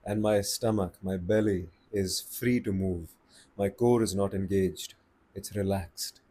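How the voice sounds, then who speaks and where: A man with an Indian accent giving calm, slow-paced advice on speaking to the camera. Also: deep voice, slight background noise. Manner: slow, calm and deliberate, with pauses. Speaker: voice coach. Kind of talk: casual advice talk to camera.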